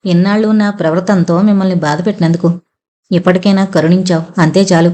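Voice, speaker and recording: A woman's voice: fairly low pitch, fairly even intonation, brisk, natural voice. A woman reading the lines of a shy, hesitant young wife in an audio novel. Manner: hesitant, soft, pleading.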